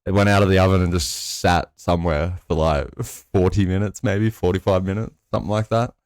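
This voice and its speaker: Deep-voiced sweary man. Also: fairly even intonation, fairly quick, a little mellow, no echo, clean studio sound. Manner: sweary, rambling, laid-back. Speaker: podcast co-host. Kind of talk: casual storytelling chat.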